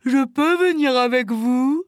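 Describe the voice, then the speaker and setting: A woman's voice: mid-range voice, very animated, slow, no echo, clean studio sound. A woman voicing a big, cheerful male bear in a storybook, with a hearty manner.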